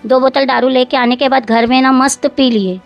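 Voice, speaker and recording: A woman speaking gives a long account in an interview. Her voice sits high, and she circles back, repeats herself and quotes others word for word. Faint music plays behind her. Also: steady tone, normal speed, lo-fi sound. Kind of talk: recounting events in an interview.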